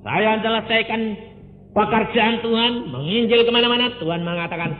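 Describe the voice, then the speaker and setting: An older man with a Javanese accent, an evangelist telling a story in a sermon, swinging between loud exclamations and low asides. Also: fairly even intonation, normal speed. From Indonesia (Jepara, Central Java). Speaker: evangelist preacher. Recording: phone-like narrow sound in a reverberant hall with faint hiss.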